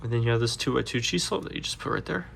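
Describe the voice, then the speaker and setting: A congested man walking through a Lego build step by step, relaxed and rambling with fillers. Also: medium pitch, very fast, vocal fry, slight background noise. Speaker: Lego builder, channel host. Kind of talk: casual build tutorial.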